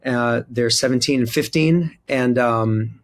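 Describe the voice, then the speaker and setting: A man in his forties from Israel/Palestine, a priest speaking thoughtfully in an interview with frequent pauses and fillers. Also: mid-range voice. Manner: thoughtful, hesitant with many fillers. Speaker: Episcopal priest, guest. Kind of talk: interview conversation.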